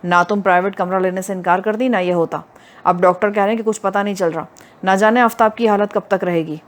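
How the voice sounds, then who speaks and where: A woman voicing a calm, scheming villain man. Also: medium pitch, lightly acted. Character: scheming man, cold villain narrating his plot.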